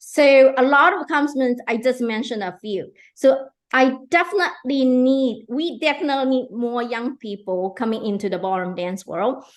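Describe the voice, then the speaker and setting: A middle-aged woman from Hong Kong hosts an online interview. Her voice sits a touch high, and she talks with eager enthusiasm, often checking in with her listeners. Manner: eager, enthusiastic, repeats filler checks like "right?" and "okay". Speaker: host.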